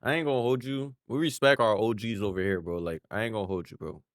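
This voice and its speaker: Man, reaction host, casual slang, says bro constantly, heated outbursts, low voice, dry close sound. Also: fast, no echo.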